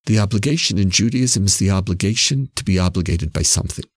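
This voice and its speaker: A Canadian-accented man with a lowish voice talks quickly as an interview guest, reflecting on religion and explaining ideas with emphasis and repeated phrases. The recording is dry, with clean studio sound.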